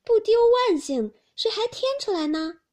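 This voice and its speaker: A woman voicing a young maidservant who is sharp-tongued and teasing, speaking loud and playful. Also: very high-pitched, lively intonation, moderate pace, voice pushed up. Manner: playful scolding, loud and bright.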